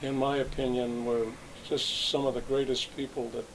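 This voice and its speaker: Older man recounting his working past for an interview, meandering and halting, with a faint hiss behind him. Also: medium pitch, flat delivery, low-quality recording. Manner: rambling, reminiscing with frequent restarts. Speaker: interviewee, retired salesman. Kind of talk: oral history interview.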